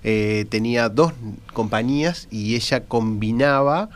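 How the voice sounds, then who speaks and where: A man with a Uruguayan accent chatting on a radio travel show in a halting, anecdotal way. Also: mid-range voice. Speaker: travel professional. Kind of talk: conversational radio talk.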